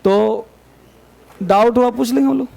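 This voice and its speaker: A man's voice: very high voice, unhurried, creaky, darkish tone. A man teaching an English grammar class to students in a classroom, repeating points and scolding chatter affectionately. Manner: addresses students as babu, chiding and repeating.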